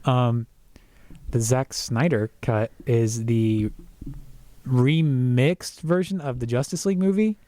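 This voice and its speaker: A young man co-hosts a college radio talk show in a laid-back, matter-of-fact manner, teasing his co-host now and then. His voice sits at a middling pitch and sounds dry and close, with no room around it. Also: slow, mellow, no echo. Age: young adult. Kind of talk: casual chat. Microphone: studio mic.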